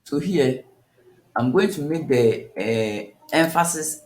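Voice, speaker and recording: Slow, echoey male coding tutor. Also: on the high side, lively intonation. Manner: unhurried, thinking aloud with frequent restarts. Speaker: coding instructor. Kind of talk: step-by-step screen tutorial. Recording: echoey room.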